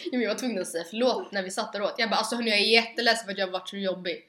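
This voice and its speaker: A young woman in casual chat, expressive, with quick asides and acted-out quotes. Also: mid-range voice. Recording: echoey room.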